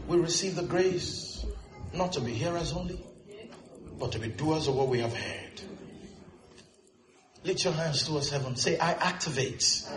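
A man preaching a sermon as pastor in a church, animated and humorous, often asking the congregation if they are listening. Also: fairly high pitch, reverberant, noisy background. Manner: animated preaching with humor and call-and-response questions.

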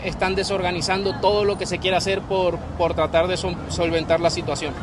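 A man speaking gravely and earnestly as a community representative in a news interview. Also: high voice. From Venezuela. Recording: outdoor street noise.

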